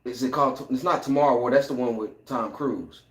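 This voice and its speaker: A man co-hosting a podcast in casual chat, animated and slangy, acting out lines as he talks. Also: medium pitch, fairly quick. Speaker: podcast co-host. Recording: echoey room.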